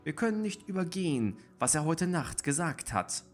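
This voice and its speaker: A man voicing a serious, commanding she-cat clan leader who speaks gravely in a storybook reading. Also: fairly high pitch, very animated, soft background music, pitched above the performer's own voice. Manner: grave, measured.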